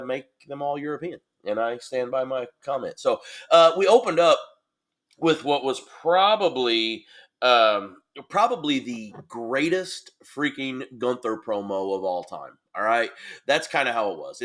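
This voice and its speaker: A man hosting a solo podcast, talking in an excitable, casual way with lots of fillers and the odd swear. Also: mid-range voice. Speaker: podcast host. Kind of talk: solo podcast wrestling recap.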